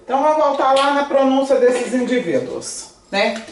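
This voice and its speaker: A woman's voice: high voice, moderate pace, reverberant, recorded from a distance, slight background noise. A Brazilian woman, a native Portuguese speaker, teaches French pronunciation in a casual online lesson, coaxing her students and exaggerating each mouth shape.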